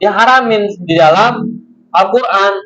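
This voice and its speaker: A man giving a religious lesson as a lively storyteller, with slangy asides. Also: high-pitched, a little slow, muffled recording. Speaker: religious teacher.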